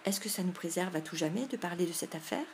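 A jittery, scruffy young boy who frets at every sound, as a woman reader gives him voice. He keeps asking anxious questions and sounds fearful and low-spirited. The voice sits slightly low. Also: expressive, fast, slight background noise. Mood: curious. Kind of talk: audiobook character voice.

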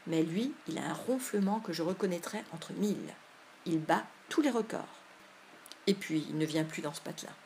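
A woman's voice: fairly low pitch, moderate pace, vocal fry, a little mellow, a little hiss or hum. A woman doing a fretful scruffy boy. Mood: glum. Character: scruffy young boy, timid sidekick. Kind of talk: audiobook character voice.

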